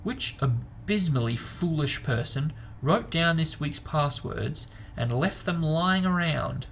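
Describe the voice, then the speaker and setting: A man's voice: on the high side, lively intonation, slow pace, fairly bright tone, pitched above the performer's own voice, heavily acted. Storybook schoolmistress, read by a man: stern, clipped, exasperated, faint noise behind. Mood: shocked, stern. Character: stern, exasperated female teacher scolding pupils.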